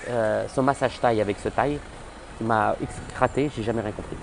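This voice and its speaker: A man telling a funny personal story in an animated, exaggerated way, with many restarts. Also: lowish voice, fairly quick, gravelly, background noise. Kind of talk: comic storytelling monologue.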